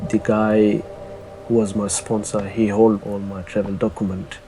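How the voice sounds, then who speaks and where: A young man, telling his own story in a halting, soft-spoken way with many pauses and restarts. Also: fairly low pitch, little pitch movement, background noise. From Bangladesh. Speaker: interviewee. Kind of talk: personal testimony.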